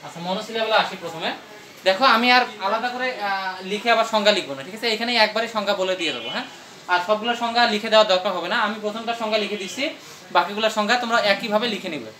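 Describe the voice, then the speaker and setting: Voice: medium pitch, pushed and bright, roomy sound, slight background noise. A teacher explaining a grammar lesson in a classroom while writing on the board, often asking a question and answering it. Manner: explains slowly, asks and answers its own questions. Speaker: English teacher.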